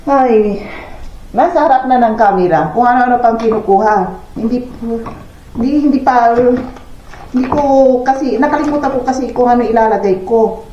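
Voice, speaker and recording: A woman's voice: a little high, normal speed. A woman from Pangasinan with a Pangasinan accent, chatting casually as a vlogger while she makes coffee and does chores at home. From Philippines, Pangasinan. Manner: chatty and rambling, narrating chores as she goes. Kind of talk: casual vlog narration. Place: home kitchen, indoors. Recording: roomy, dull lo-fi with faint noise.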